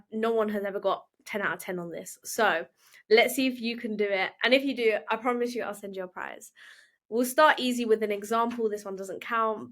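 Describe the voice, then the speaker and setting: A woman hosting a casual interview, running quick quiz games and laughing often. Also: mid-range voice, fairly bright tone. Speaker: host.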